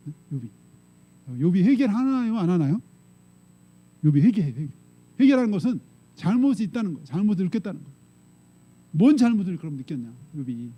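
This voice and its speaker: A pastor from South Korea preaches to his congregation, a man whose voice sits high for a man and sounds hard-edged and sharp. He talks the way people chat, tossing short questions out to his listeners again and again as he goes. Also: big pitch swings, normal speed, long pauses, low-quality recording. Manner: conversational preaching, constant "응?" and "예?" prompts to the congregation. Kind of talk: sermon.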